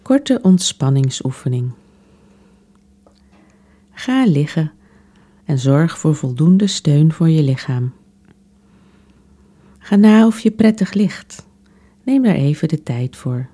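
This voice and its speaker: A woman softly guiding a relaxation exercise in a soothing, unhurried way, with long pauses between phrases. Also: low-pitched, animated. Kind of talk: guided relaxation meditation.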